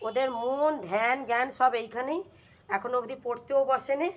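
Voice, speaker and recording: A woman's voice: high voice, normal speed. A mother chatting to her viewers in a casual home vlog, talking them through her day while scolding and coaxing her children.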